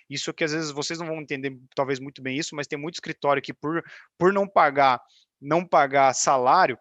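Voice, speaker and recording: A man with a Brazilian Portuguese accent presents informally on a video call in a fairly high voice. The sound is dry, and he explains step by step, punctuating his points with little tag questions. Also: fairly bright tone, dry recording. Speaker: financial advisory firm leader presenting. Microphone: video call microphone.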